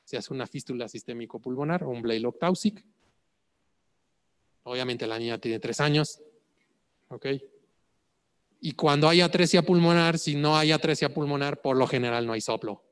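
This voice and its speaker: A man's voice: mid-range voice, moderate pace, long pauses, clear, resonant tone, in a large hall. A man lecturing on clinical cases, asking rhetorical questions and checking in with "ok?". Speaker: medical exam prep lecturer.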